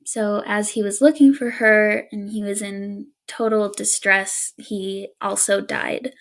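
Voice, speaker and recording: A woman's voice: mid-range voice, slow pace. A woman co-hosting a podcast, telling a spooky story in casual chat with an easygoing manner and frequent laughs. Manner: relaxed, laughs often, easygoing with fillers. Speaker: podcast co-host.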